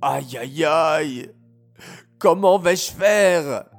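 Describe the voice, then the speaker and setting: A desperate old king wails and commands in a sing-song, lamenting voice, as a man puts him on for a children's story. The voice sits high and gravelly, in slow, drawn-out phrases. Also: animated, darkish tone, soft background music, full character voice.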